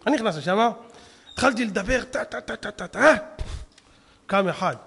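A man delivers a storytelling sermon in a high, ringing voice. He keeps firing rhetorical questions and swings from near-hushed asides to loud, forceful peaks. A long reverb from a large hall follows his words. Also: expressive, vocal fry, slightly rough. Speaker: rabbi.

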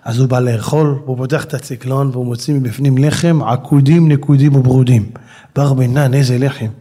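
A man's voice: mid-range voice, steady tone, warm tone, slightly rough. A man preaching a sermon, telling a story animatedly and addressing his listeners with rhetorical questions.

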